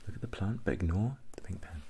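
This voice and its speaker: Low-voiced man, ASMR role-play. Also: animated, fast talker, creaky, slight background noise. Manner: repetitive, instructing and questioning, shifting between soft voice and low soft voice. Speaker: ASMR performer giving mock eye tests.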